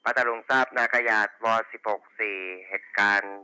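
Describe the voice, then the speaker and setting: A man's voice: lowish voice, steady tone, moderate pace, background noise. A man working as a police radio dispatcher, reading back station reports and call signs in formulaic procedure over a walkie talkie. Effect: two-way radio.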